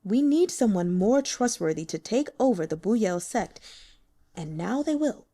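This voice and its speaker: A woman voices a smooth, coaxing elder of a secret sect, an older man bent on persuasion. Her delivery is mellow yet animated, with the pitch rising and falling, at a moderate pace in a natural-sounding voice.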